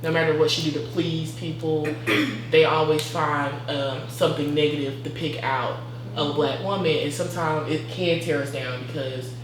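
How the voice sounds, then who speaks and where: Low-voiced young woman in echoey room. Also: fairly even intonation, moderate pace. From North Carolina, USA. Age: 20s. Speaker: discussion participant. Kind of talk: casual group discussion. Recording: echoey room, far from mic, noisy.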